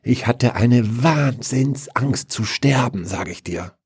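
A man's voice: medium pitch, slow pace, darkish tone, husky, dry recording, voice pushed up, full character voice. A man voicing a grumpy dead father who speaks from his grave in a raised, blustering, quarrelsome voice.

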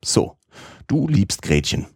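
A man's voice: on the low side, sing-song, slow, breathy edge, dry recording, clean studio sound, voice pushed up, full character voice. A man voicing a stern, obsessive old professor in an audiobook, with a commanding, lecturing tone. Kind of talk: audiobook character voice.

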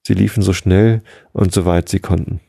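Very deep guy reading a storybook, calm and steady, gravelly and husky, totally dry sound. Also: normal speed, no room sound. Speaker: narrator. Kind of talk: scripted storybook narration.

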